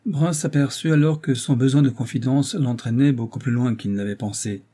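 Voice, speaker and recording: A man reads a novel aloud at a steady, measured pace. His voice is husky and dark, and he sits at a middle pitch. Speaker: audiobook narrator. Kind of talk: scripted narration of a novel.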